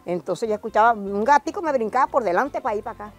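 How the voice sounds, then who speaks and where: Lively older Venezuelan woman storyteller. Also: fast talker, soft background music. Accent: Venezuelan Spanish. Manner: acts out voices with high cries. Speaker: interviewee telling childhood stories.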